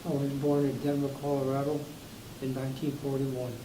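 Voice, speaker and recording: An interviewee in his seventies from Raton, New Mexico, in the US, casually recalls his family's mining past, halting often and restarting. His mid-range voice stays monotone. The room is echoey, with noise in the background.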